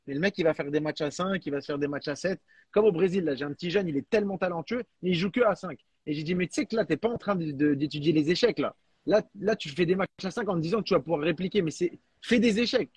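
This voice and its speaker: A man with a husky, slightly high voice chatting casually as a guest. He talks in an animated, slangy way, restarting and repeating words as he goes. The sound is dry and close. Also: fast, no echo. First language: French. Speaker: guest, freestyle football creator. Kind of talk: casual chat.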